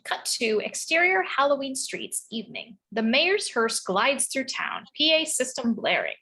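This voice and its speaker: A woman's voice: sits high, big pitch swings, a little slow, pushed and bright, slightly rough, poor audio. A woman narrating the stage directions of a script in a read-through.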